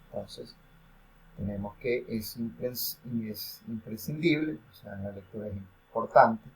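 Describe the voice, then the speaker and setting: Man, lecturer, fairly low voice, explanatory, fillers and restarts. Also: measured pace, gravelly, rough recording. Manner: explanatory, with frequent fillers and self-corrections. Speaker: university lecturer. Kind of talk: recorded academic lecture.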